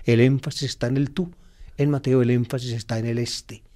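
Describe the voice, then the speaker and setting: A priest delivers a reflective sermon on the gospel in a mellow, warm male voice of middle pitch. He explains patiently like a teacher, stopping on fillers and restarting phrases. He leans on repetition to press his points home. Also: fairly even intonation, brisk. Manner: repeats key phrases for emphasis.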